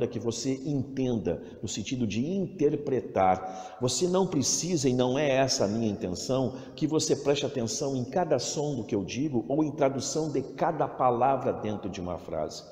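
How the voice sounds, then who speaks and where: A man's voice: mid-range voice, animated. A middle-aged man with a Brazilian Portuguese accent teaching a recorded English lesson to children, patient and encouraging. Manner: patient, encouraging, reads English sentences slowly and loudly. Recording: roomy echo, long reverb.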